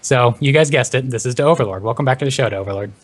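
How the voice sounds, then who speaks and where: A man hosting a gaming podcast panel, introducing guests with brisk, upbeat patter. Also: medium pitch. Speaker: podcast host. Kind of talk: hosted panel discussion.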